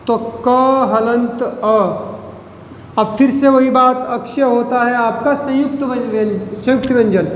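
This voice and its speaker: A man with a very high voice teaches a grammar lesson, stretching each syllable and firing questions at his students. The room rings with a long, hollow reverb, and a faint hiss sits under his voice. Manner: drawn-out, repeats syllables, quizzes listeners.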